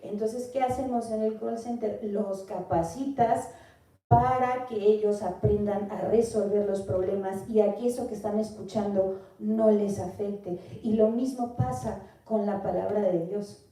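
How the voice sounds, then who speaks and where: Mexican woman teaching the bible, super dark mellow voice, echoey room, kinda far from the mic. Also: mid-range voice, fairly even intonation, unhurried. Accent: Mexican Spanish. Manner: earnest, questioning the listener directly.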